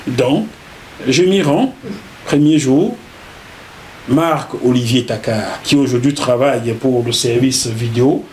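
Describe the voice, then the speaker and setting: A middle-aged man with a Cameroonian French accent, a journalist recounting his career as an interview guest, animated and repeating words as he goes. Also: medium pitch, slow pace, a little hiss or hum. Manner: animated, repeats words while telling a story. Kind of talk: casual interview storytelling.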